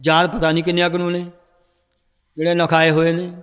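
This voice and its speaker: A man's voice: on the high side, monotone, brisk, fairly bright tone, clear, resonant tone. A man teaching a scripture lesson, telling a story and explaining verses to his students, in a reverberant hall. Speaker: religious teacher.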